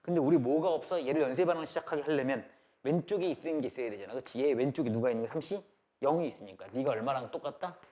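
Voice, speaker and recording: A man's voice: mid-range voice, fast talker, warm tone. A man teaching a live math class, asking constant rhetorical questions and checking that students follow, blunt and casual. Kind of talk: classroom lecture.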